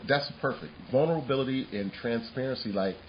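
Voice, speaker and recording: A man co-hosting a casual podcast chat, animated and laughing often, restarting his sentences as he goes. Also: medium pitch, brisk, muffled recording, a little hiss or hum. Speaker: podcast co-host.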